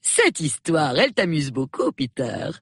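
A woman's voice: deep voice, sing-song, unhurried, breathy edge, no room sound, studio quality, voice pushed up, heavily acted. A woman reading an audiobook, voicing a frank, outspoken older lady who speaks emphatically. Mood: emphatic.

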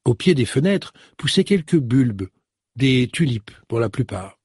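A man narrating an audiobook chapter in an expressive, storytelling manner. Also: mid-range voice, a little slow, breathy edge, no room sound, clean studio sound. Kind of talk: scripted narration.

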